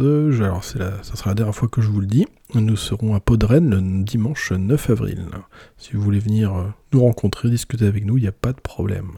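A man hosts a casual solo podcast in a low, very dark and slightly husky voice. He talks hesitantly, with plenty of fillers and restarts. The sound is dry and close, with no room echo. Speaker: podcast host.

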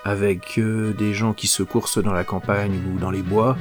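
A man's voice: fairly low pitch, level tone, moderate pace, faint music behind. A man giving a comic spoken film review in a sardonic, exasperated manner.

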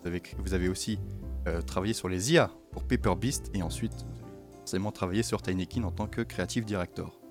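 A French man hosts a game development podcast, conducting a conversational interview in a friendly, hesitant way packed with fillers. His voice is low-pitched and fast, with faint music in the background.

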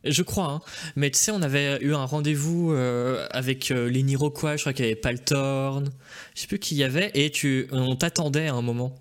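Guy hosting a live stream, easygoing, reads chat messages out loud, ordinary mid voice. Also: mid-range voice, fairly even intonation, normal speed. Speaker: host.

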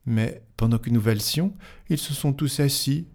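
A man reading the lines of a pale, ghostly young woman, softly and a little sulkily, in a storybook. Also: mid-range voice, unhurried, pitched above the performer's own voice. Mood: plaintive. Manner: soft, slightly sulky.

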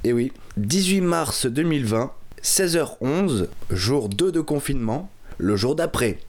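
A man's voice: mid-range voice, expressive, unhurried. A man in his twenties with a nasal voice, stuffed up from a head cold, delivering a prepared spoken film review. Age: 20s. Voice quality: nasal, congested voice.

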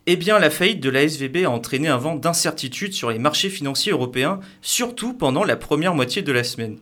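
A young man reading scripted news items in a measured, formal way. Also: a little high, lively intonation, fairly bright tone. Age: young adult. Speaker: news presenter.

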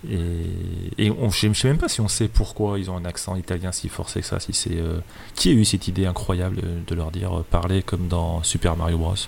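Male podcaster, quick and gravelly, mocking bad films, faint hiss behind. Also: deep voice, fairly even intonation, darkish tone. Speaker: podcast co-host. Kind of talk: casual film chat.

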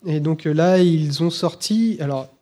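This is a man talking casually on a live podcast. His pitch sits a little high, and his tone is dark and mellow. He hesitates a lot, restarting sentences and filling gaps with "euh". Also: a little slow. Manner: hesitant, many fillers and restarts. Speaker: podcast co-host presenting whiskies. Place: live event recording.

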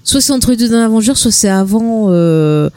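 A woman co-hosts a casual film podcast, speaking in a warm, relaxed voice. She is blunt and dry, with a joking edge. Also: a little high, moderate pace, no echo. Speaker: podcast co-host.

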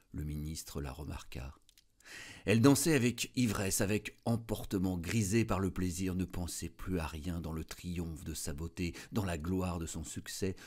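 A man narrating a classic story aloud in an expressive reading style. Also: low-pitched.

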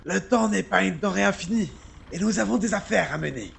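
A man doing a gravelly calm old schemer. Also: high voice, brisk, voice pushed up, exaggerated voice. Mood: impatient. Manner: composed, businesslike. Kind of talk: audio drama narration.

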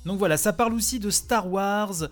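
A man's voice: high-pitched, moderate pace, soft background music. A man hosting a gaming news podcast, talking casually with many small fillers. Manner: chatty, many "hein" and "euh" fillers.

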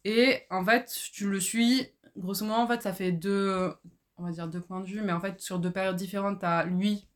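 Speaking at a moderate pace with a mid-range voice and fairly even intonation, a young podcast co-host chats casually about books. She's enthusiastic and gushing, with plenty of fillers.

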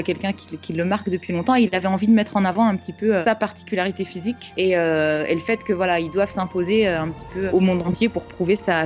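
A woman co-hosting a casual chat, chatty, laughing often and filling pauses with hesitations. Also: mid-range voice, darkish tone. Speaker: podcast co-host.

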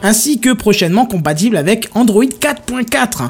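A man hosting a casual tech podcast chat, excitable, with punchy exclamations as he presents hardware. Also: high-pitched, moderate pace, breathy edge.

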